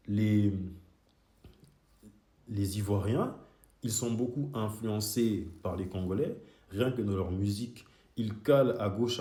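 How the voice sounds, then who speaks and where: A young man raised in Switzerland, a video creator, delivers a heated, argumentative monologue aimed straight at his critics. His voice is fairly low and dark, and the room is echoey.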